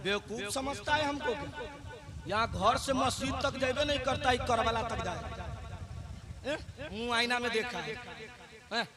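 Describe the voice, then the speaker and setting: High-pitched preacher man. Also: moderate pace, long pauses. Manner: joking, then building to impassioned shouting. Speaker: Islamic preacher. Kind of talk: humorous religious sermon. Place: live religious gathering with audience. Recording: live crowd audible behind.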